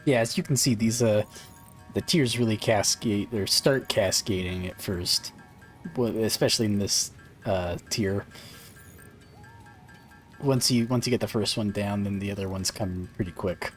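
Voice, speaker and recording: A man's voice: lowish voice, measured pace, soft background music. A man streaming a video game, talking casually to viewers and thinking aloud with fillers and playful asides.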